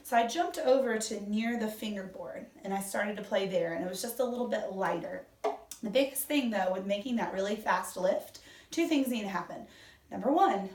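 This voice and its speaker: With a medium-pitched, slightly mellow voice, this orchestra teacher leads a violin lesson, walking through each step and counting the beats out loud. A mic at a distance picks up the echoey room and the violin playing.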